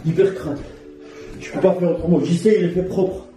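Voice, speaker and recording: A man's voice: high-pitched, steady tone, moderate pace, distant mic, over music. A man talking casually while doing push-ups in a workout challenge, with effort in the voice as the reps are counted. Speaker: fitness challenge host. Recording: echoey room.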